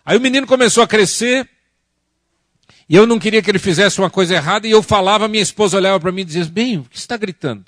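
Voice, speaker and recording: A man with a Brazilian Portuguese accent giving a lively church workshop talk on family, asking the audience questions and acting out family arguments. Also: high voice, racing, dry recording, studio quality. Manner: animated, acts out quoted family arguments. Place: church conference hall.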